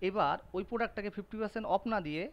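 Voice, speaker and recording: A man's voice: high-pitched, racing. A man teaching an online class, explaining with everyday examples and rhetorical questions, his voice breaking up over a glitchy call. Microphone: video call. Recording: muffled lo-fi online call audio.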